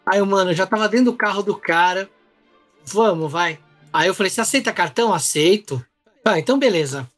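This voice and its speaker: A man's voice: high-pitched, brisk, faint music behind. A man telling a travel mishap in casual chat, acting out the other people's lines as he goes. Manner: animated storyteller, acts out dialogue.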